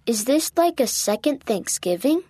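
A woman's voice: high voice, very animated, moderate pace, mellow, husky, no echo, clean studio sound, voice pushed up, full character voice. A woman voicing a curious, polite young boy in a storybook reading. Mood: earnest.

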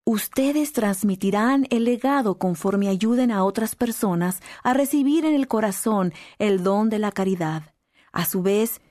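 A woman reading a scripted narration in a calm, measured way. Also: medium pitch, no room sound, studio quality.

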